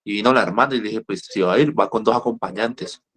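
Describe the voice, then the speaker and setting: A middle-aged man counseling people in recovery in a lively talk. He tells stories, repeats himself and speaks straight to his listeners. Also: fairly low pitch, fast talker, husky. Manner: animated, repeats words, speaks directly to listeners. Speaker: rehab counselor. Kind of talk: motivational talk with storytelling.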